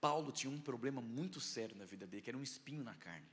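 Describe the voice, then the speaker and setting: A Brazilian man preaching a sermon with personal testimony as a pastor, with slightly tongue-tied articulation and an emphatic delivery full of dramatic pauses and swells. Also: medium pitch, animated, a bit bright. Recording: echoey hall with long reverb.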